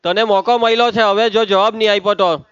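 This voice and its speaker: A man's voice: sits high, steady tone, fast, a bit bright, clean tone, no echo, lo-fi sound. A man teaching a maths lesson, teasing and calling on students by name. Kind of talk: lively classroom lesson.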